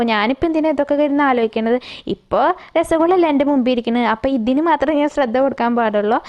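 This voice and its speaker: A woman's voice: sits high, muffled recording. A woman casually retelling a TV serial episode, speaking each character's lines in her own voice. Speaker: serial recap narrator. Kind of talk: casual spoken episode recap.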